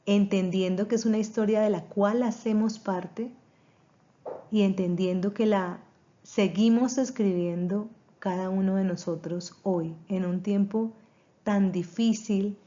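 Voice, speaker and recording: Woman seminary teacher, mellow voice, earnest and a bit preachy, slightly dull audio. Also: medium pitch. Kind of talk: recorded class introduction.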